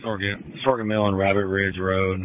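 A man's voice: deep voice, little pitch movement, normal speed, no room sound. A man working as a police officer in the field, calling in stops in terse radio codes over a two-way radio. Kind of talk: radio call-in of traffic stops. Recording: muffled dry radio transmission.

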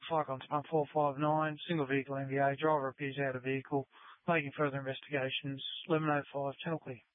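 A man handles fire service radio traffic, repeating messages back in tight, formulaic phrases. His voice reaches us through a narrow, tinny two-way radio channel with bursts of static, bone dry and close, and he moves through it quickly. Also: medium pitch, little pitch movement, dry recording. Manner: clipped, formulaic read-backs. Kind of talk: radio dispatch procedure.

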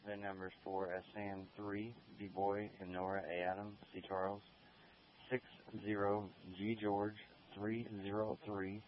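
Man, police radio transmission, very deep, flat delivery, muffled lo-fi sound. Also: unhurried. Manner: clipped, reading out codes. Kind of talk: radio call traffic. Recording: muffled radio with faint hiss.

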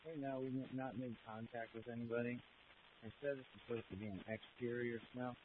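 A man, a fire engine officer, giving brisk, clipped updates over a two-way radio. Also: medium pitch, fairly even intonation. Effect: two-way radio transmission. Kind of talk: radio dispatch traffic. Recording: hissy narrow two-way radio.

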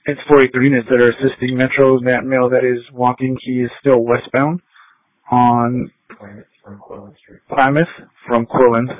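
Flat-voiced officer on police radio. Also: male voice, mid-range voice, normal speed, dry recording. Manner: flat, matter-of-fact status updates. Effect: police scanner radio. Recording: narrow radio band, very dry.

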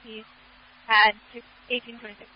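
A woman's voice: a little high, slightly rough. A woman working as an emergency dispatcher, reading back unit numbers, times and codes in clipped radio traffic over a two-way dispatch radio. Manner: clipped, rapid, flat readback of times and codes. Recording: muffled lo-fi radio channel.

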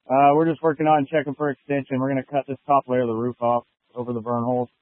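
A man's voice: mid-range voice, flat delivery, fast talker, no echo. A man working as a firefighter, giving status reports to command over a two-way radio. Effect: two-way radio transmission. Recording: narrow, phone-like radio channel.

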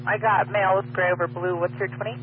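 A man dispatching over a two-way radio, his clipped call codes rushing out fast. The sound is thin and tinny like a radio channel, with loud music behind him. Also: high-pitched, flat delivery. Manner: clipped, repeats back numbers. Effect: heard over a two-way radio.

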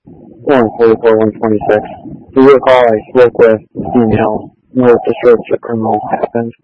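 A man's voice: mid-range voice, little pitch movement, moderate pace. A man, a police officer, answering in clipped codes over police radio. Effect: police radio transmission. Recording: dull lo-fi police radio, dry.

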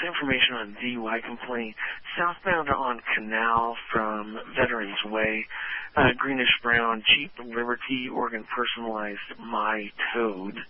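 A man's voice: lowish voice, no echo, highs cut off. A man working as a police dispatcher, reading out calls in clipped, procedural radio codes over a police radio transmission.

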